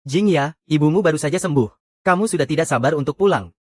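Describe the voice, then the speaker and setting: A man's voice: a little high, fast, no room sound, natural voice. Casting: male actor for doting middle-aged dad of means, romance drama dub, indulgent, protective, dry close recording. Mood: caring, protective. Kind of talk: dubbed modern romance drama.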